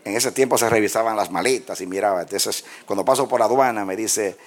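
A man from the Republic, preaching as a pastor and telling lively personal stories. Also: fairly low pitch, fast. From Dominican Republic. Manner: lively storyteller, acts out dialogue and laughs at his own stories. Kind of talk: sermon with personal anecdotes.

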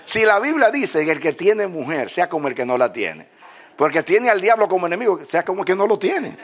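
Preacher guy, storytelling sermon, plays god and devil voices, goes quiet then loud. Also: fairly quick. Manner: animated storytelling, acts out dialogue with God and the devil; swings from low murmurs to high cries.

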